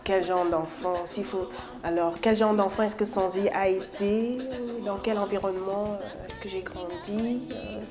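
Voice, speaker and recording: A woman's voice: mid-range voice, fairly even intonation, a little slow, music in the background. A Cameroonian woman in her thirties, a musician introducing herself in an interview in a playful, chatty way, slipping between French and English. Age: 30s.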